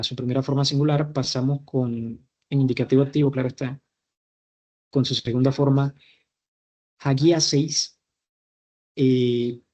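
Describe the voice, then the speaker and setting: A young man, a university student, reading out verb conjugation exercises carefully, pausing on fillers and correcting himself. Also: medium pitch, a little mellow.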